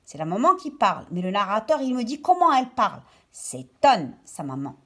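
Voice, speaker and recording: In a recorded lesson for children, this primary school teacher dictates phrase by phrase, explaining each step didactically and stressing important words. She has a mid-range, fairly bright voice with a breathy edge and wildly swooping pitch, and she keeps a moderate pace.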